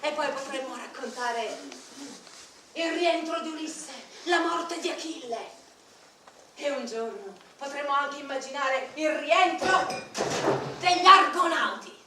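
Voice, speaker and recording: A woman playing a high, playful clown. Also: unhurried. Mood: playful storytelling. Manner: chatty, playful, coaxing the listener. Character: playful scheming female clown prisoner. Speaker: stage actress. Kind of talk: live tragicomic stage performance. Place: large old hall or castle venue. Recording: echoey, distant live stage recording with noise.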